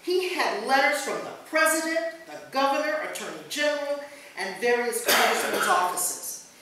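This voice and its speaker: A woman pastor reads a written memorial tribute aloud at a church service in a high-pitched, sharp voice at normal speed. She was recorded from a distance, so the church sounds very echoey, with faint noise.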